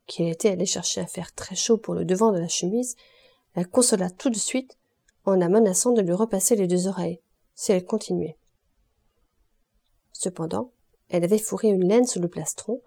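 A woman reading a classic novel aloud in steady, measured narration. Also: mid-range voice, gravelly. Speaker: audiobook reader. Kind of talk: scripted literary narration.

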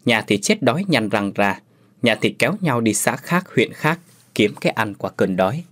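A man narrating a first-person story as a storyteller in scripted narration, with lively, expressive delivery. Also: medium pitch, moderate pace.

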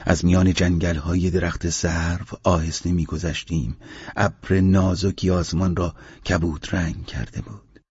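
A man narrating a literary audiobook in a calm, measured reading voice with a husky tone. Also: low-pitched, no room sound, highs cut off.

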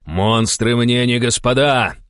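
A man voicing a furious, ruthless count in an audiobook, shouting and snarling. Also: medium pitch, slow pace, dry recording, voice pushed up.

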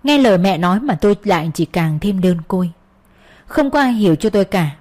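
A woman's voice: medium pitch, animated, a little fast, a little mellow. A woman narrating a first-person story in an earnest, sorrowful reading style. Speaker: audiobook narrator.

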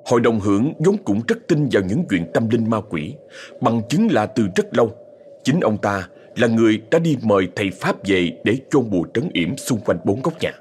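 A man's voice: on the low side, normal speed, slight background noise. A man narrating a ghost story dramatically. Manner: dramatic, expressive.

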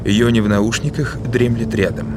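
A man's voice: mid-range voice, steady tone, a little fast, noisy background. A man reading scripted audio description narration for a film. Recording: loud music and film sound behind.

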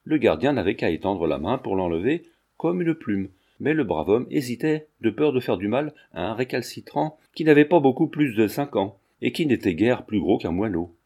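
Mellow male audiobook narrator. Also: medium pitch, sing-song, normal speed, breathy edge.

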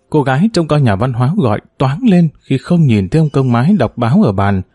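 A man reads an audiobook chapter in an expressive, measured way. His pitch moves in a lively way, and his tone is mellow and dark. The sound is close and dry, with no room around it. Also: no room sound. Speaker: narrator. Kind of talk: audiobook narration.

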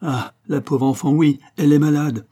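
A man voicing a frightened, indignant middle-aged mother, speaking in loud, pleading outbursts. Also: lowish voice, animated, brisk, slightly rough. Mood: distressed.

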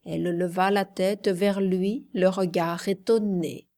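A woman narrating a novel as an audiobook reader, in measured storytelling. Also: on the low side, fairly even intonation, dark tone. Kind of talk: scripted narration.

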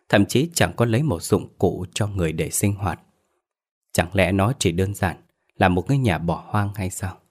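Deep-voiced male story narrator.

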